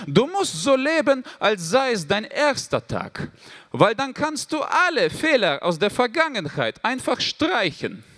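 A man's voice: very high voice, sing-song, unhurried, fairly bright tone, heavily acted. A man playing a stern, proudly manly older father who lectures his son with solemn advice.

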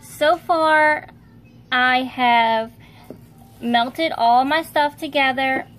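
A woman's voice: high-pitched, very slow, a bit bright. A woman giving a casual, rambling how-to demonstration in her home kitchen, often correcting herself as she talks into a phone camera. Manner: chatty, rambling, self-correcting. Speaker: home video maker.

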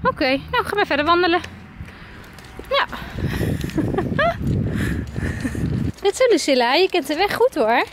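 Heavy background noise surrounds this family vlog, where a woman in her twenties coaxes her toddler in a sing-song tone and laughs often, at home and on the street. Her very high-pitched voice is highly animated yet slow, with long pauses.

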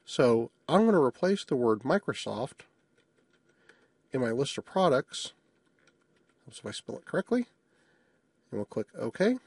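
Man, husky mid-pitched voice, dry close mic; relaxed software screencast walkthrough. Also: measured pace, long pauses, dry recording. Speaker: software demo presenter. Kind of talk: screencast tutorial narration.

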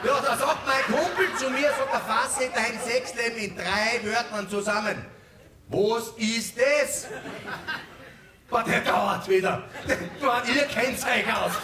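A high-pitched man rattles off punchy jokes on a carnival stage. He acts out the people in his jokes. His voice booms through an echoey hall over music and a laughing crowd. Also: slow pace, background noise. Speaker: carnival comedian. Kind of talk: stand-up carnival routine with jokes. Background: audience laughter and music.

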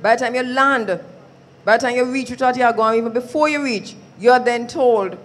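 A woman's voice: fairly high pitch, moderate pace. A Jamaican woman presenting a live radio discussion, explaining her points earnestly.

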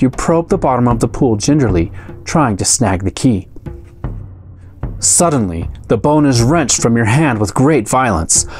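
A man reading an adventure gamebook aloud, narrating with a dramatic, storytelling delivery. His pitch rises and falls a great deal to build tension. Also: darkish tone. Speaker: storybook reader.

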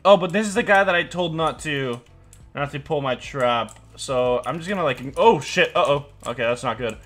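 A man's voice: fairly high pitch, normal speed, fairly bright tone, faint music behind. A young man doing casual gameplay commentary as a video host, talking in a slangy frat-bro way peppered with dude and bro.

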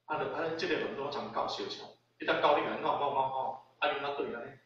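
A man's voice: mid-range voice, fast talker, fairly bright tone, slight background noise. A middle-aged man with a Taiwanese accent giving a dharma class lecture in a Buddhist hall. He keeps asking rhetorical questions and acts out the people in his stories. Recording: very echoey hall, far from mic, dull.

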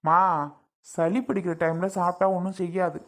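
A woman's voice: fairly low pitch, flat delivery, normal speed, natural voice. A woman playing a stubborn husband who teases and mocks his wife, in a family skit. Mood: teasing. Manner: sarcastic, teasing. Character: teasing, stubborn husband Arjun.

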